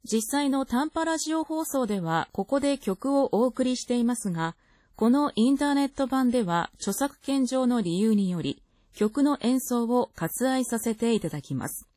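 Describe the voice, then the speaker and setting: A woman's voice: a little high, animated, moderate pace, dark tone, dry recording. A woman announcer reading a short formal notice in a polite manner. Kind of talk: scripted notice.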